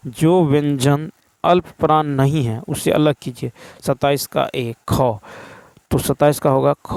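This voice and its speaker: Gravelly-voiced male teacher, dry sound. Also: on the high side, no echo. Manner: steady, explanatory, reads a question then gives the answer. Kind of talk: exam paper discussion lesson.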